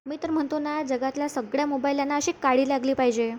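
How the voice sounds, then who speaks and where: A sly middle-aged man pleads that it was all an accident, fawning and insistent. A woman reads his lines in a high-pitched voice, with faint hiss behind. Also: steady tone, fast, a little mellow, close to an everyday voice. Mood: fake apologetic. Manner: mock-apologetic, fawning. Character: scheming middle-aged man, father of a grown daughter.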